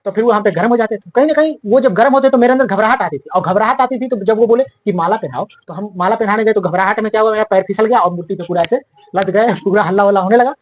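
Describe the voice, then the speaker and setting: A man's voice: high-pitched, very fast. A man coaching students for an interview in a casual, chatty way, often checking that they follow. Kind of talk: casual instructive talk to students.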